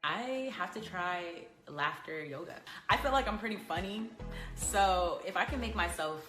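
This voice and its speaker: A woman giving quick, amused reactions. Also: fairly low pitch, expressive, sharp tone, faint music behind. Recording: echoey room.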